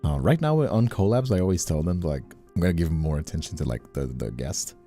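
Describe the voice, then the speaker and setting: A streamer and host with an extremely low, warm voice talks casually and briskly on his livestream, expressive and emphatic as he rambles and repeats phrases. Soft music plays behind him, and he's miked closely with a studio condenser.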